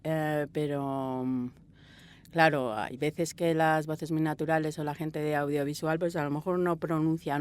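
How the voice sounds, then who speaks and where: A woman with a Castilian Spanish accent and a slightly low voice is interviewed as an audio drama director. Expressive and rambling, she gives informal, anecdotal answers that wander and acts out quoted dialogue, recorded in a small sound booth.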